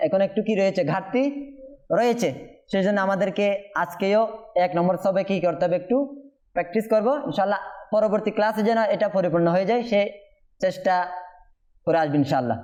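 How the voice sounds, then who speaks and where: High-voiced man teaching Quran recitation. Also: brisk, long pauses, a little mellow, lo-fi sound. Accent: Bangladeshi Bengali. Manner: patient, repeats questions to students. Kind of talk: classroom recitation lesson.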